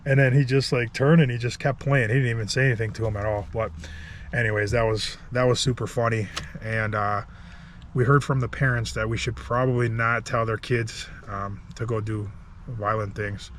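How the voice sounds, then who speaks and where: A man's voice: mid-range voice, steady tone, normal speed, a bit bright, slight background noise. Chatty male contractor vlogging outdoors. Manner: chatty storytelling, laughs at own story. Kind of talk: casual vlog talk to camera. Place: outdoor building site.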